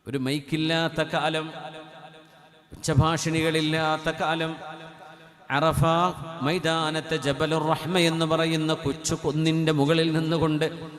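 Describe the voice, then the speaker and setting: A man preaching with a somewhat high voice that rings out in a long echoing hall. He sings drawn-out Arabic lines, then drops to near-whispered storytelling before surging back up. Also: level tone. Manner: sings Arabic phrases in a drawn-out chant, swings from loud cries to hushed storytelling. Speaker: Islamic preacher. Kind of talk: Malayalam religious speech.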